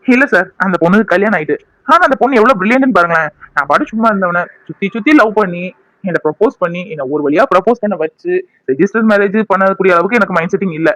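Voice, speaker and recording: A man's voice: high voice, fast, a bit bright, no room sound, low-quality recording. A man voicing a jilted young man in a cartoon, bitter and accusing toward the woman who left him. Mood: wounded.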